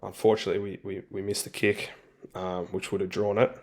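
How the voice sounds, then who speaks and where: Low-voiced man telling stories casually. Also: flat delivery, a little fast. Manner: laid-back, colloquial with slang like footy and bloke. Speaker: interview guest, rugby league player for a national team. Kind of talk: casual interview storytelling.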